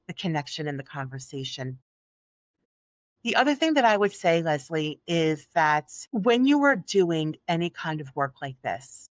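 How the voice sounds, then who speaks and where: Appearing as a podcast guest, the middle-aged Philadelphia woman uses her deep, soothing voice to speak earnestly and encouragingly. There's no echo in the dull, dry lo-fi recording.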